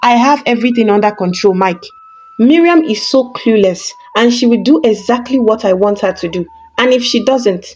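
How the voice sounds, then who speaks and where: A woman's voice: a little high, normal speed, darkish tone, lightly acted. A woman voicing a cold, scheming male pastor, hissing in anger in a storybook narration. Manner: cold and calculating.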